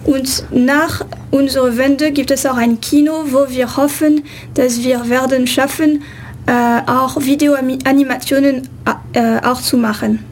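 A woman's voice: high voice, steady tone, measured pace, darkish tone, a little hiss or hum. A woman photographer from France with a French accent, answering radio interview questions in hesitant, non-native German with frequent fillers.

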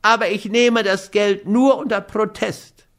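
A man's voice: fairly even intonation, measured pace, fairly bright tone. A man doing a whiny, cowardly brute. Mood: whining. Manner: whiny, high and pleading. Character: cowardly whining brutal man, fearful.

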